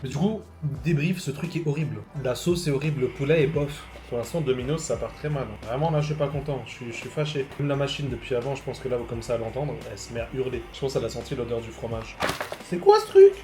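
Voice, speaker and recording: A young man, animated, tasting fast food in a casual vlog and swearing loudly at bad food. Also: mid-range voice, background noise. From Switzerland. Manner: animated, loud bursts of disgust, swearing. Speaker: food vlogger.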